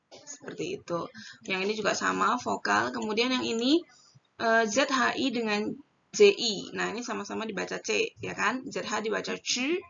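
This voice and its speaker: A woman's voice: mid-range voice, gravelly, sharp tone, muffled recording, slight background noise. A woman tutor explaining pinyin step by step in a casual online lesson, often checking in with tag questions. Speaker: Mandarin tutor.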